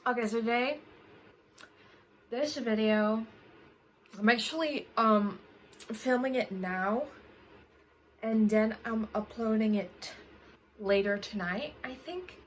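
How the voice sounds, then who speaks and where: A woman's voice: on the high side, slow, pauses often, a little hiss or hum, rough recording. A young woman chatting casually to camera as a book vlogger, rambling and correcting herself often. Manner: rambling, with frequent self-corrections and fillers.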